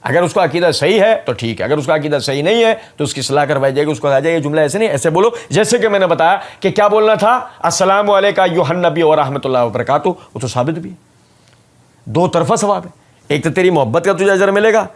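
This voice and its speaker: A man's voice: high-pitched, expressive. A man giving a polemical religious talk as a rebuttal, speaking in an emphatic, sarcastic, mocking way.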